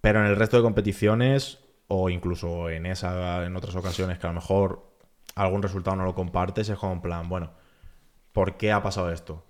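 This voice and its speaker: Male guest, deep voice, rapid animated chat. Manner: animated, talks fast with lots of filler phrases. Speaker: guest, freestyle rapper. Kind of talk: casual podcast chat.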